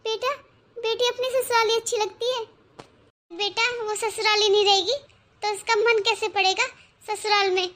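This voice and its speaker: A fretful, scolding older mother from a cartoon story. The voice sits very high and sounds bright and sharp. She lectures and worries in turn. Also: level tone, moderate pace. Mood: fond. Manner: scolding then fretting.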